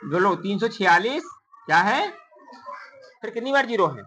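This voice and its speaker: A woman's voice: mid-range voice, lively intonation, normal speed, fairly bright tone, slight background noise, low-quality recording. Woman teacher counting aloud to pupils. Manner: counts digits aloud and quizzes students with repeated questions; calls pupils "beta" in a coaxing tone. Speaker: math teacher. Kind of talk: classroom lesson. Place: classroom.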